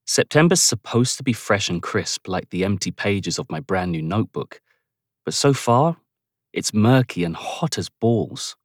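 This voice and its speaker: A man's voice: on the low side, expressive, measured pace, no room sound, clean studio sound. A man narrating a first-person teen novel in a cocky, playful manner, voicing the other characters too. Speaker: audiobook narrator.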